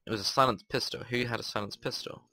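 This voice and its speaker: A man's voice: mid-range voice, fairly even intonation, fast talker, bright, forceful tone, no echo. A young man giving casual, rambling gameplay commentary with a wry, offhand manner. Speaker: gaming video host.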